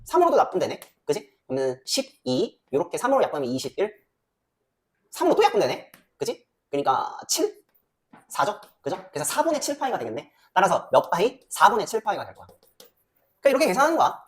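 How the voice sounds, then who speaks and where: A woman math teacher lecturing a class in a very animated voice. Her pitch swings widely from line to line. She keeps firing quick questions at the students and mutters to herself as she calculates.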